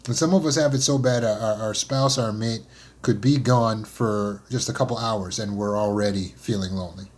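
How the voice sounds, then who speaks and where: A man with a fairly low voice gives an earnest, unscripted solo talk as a motivational speaker. Thinking aloud, he repeats words, slows down on key phrases, and rushes through lists.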